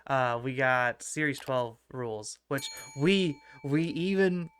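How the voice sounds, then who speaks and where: A man co-hosting a casual gaming podcast, explaining strategy at length in a relaxed way with plenty of fillers. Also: medium pitch, takes it slowly, smooth. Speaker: podcast co-host.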